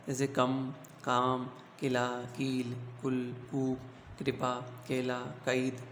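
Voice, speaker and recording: Schoolteacher, male, mid pitch, patient and methodical. Poses questions and answers them himself. Roomy sound. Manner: explains slowly, asks the class questions and answers them himself. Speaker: teacher. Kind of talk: grammar lesson for schoolchildren. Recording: echoey room with faint hum.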